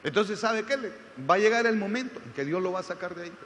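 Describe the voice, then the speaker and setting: High, bright-voiced preaching pastor. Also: male voice, animated, quick pace, big-room sound, slight background noise. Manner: preaching with rising, shouted emphasis and storytelling. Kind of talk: sermon. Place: church.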